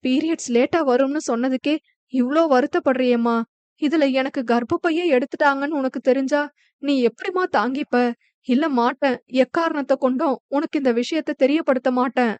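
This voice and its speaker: A woman's voice: high voice, fairly quick, darkish tone, no room sound, natural voice. A woman narrator voicing a young woman heroine who talks in a worried, tearful way. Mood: tearful despair.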